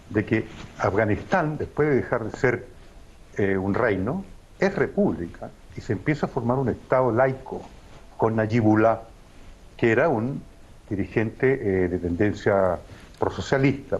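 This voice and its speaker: A man's voice: mid-range voice, a little mellow, dull audio, a little hiss or hum. A man as a guest analyst, explaining in an emphatic, professorial way with frequent hesitations. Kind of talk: lecturing analysis on a talk show.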